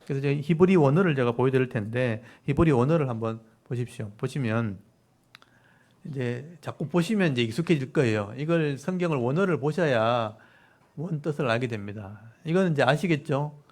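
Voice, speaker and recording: A man's voice: medium pitch, animated, brisk, a little mellow. Middle-aged male pastor, mid-range voice, expository sermon, reads scripture and explains words to the congregation. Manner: expository preaching, explaining Hebrew words and reading verses aloud.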